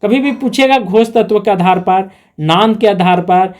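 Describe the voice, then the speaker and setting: A woman's voice: mid-range voice, unhurried, a little mellow. A woman with a Jharkhand Hindi accent teaching an exam-prep grammar lesson, explaining step by step and asking and answering her own questions.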